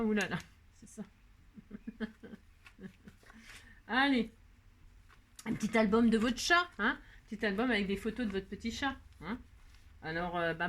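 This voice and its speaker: A woman's voice: mid-range voice, fairly bright tone. A middle-aged woman chatting casually through a crafting tutorial, talking to herself and her viewers as she works. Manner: chatty, talks to herself and viewers, many fillers.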